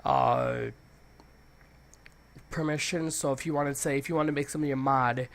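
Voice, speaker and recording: A man with a stuffy, congested nose hosting a casual software tutorial, talking informally and thinking aloud as he goes. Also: medium pitch, fairly even intonation, moderate pace, vocal fry. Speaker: tutorial host.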